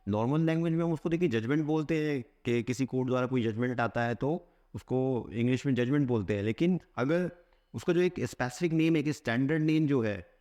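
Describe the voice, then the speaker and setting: A man's voice: mid-range voice, darkish tone. Man teaching exam vocabulary, question and answer. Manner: asks a question, then answers it with a repeated keyword; reads English statements slowly, word by word. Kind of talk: explaining a vocabulary lesson.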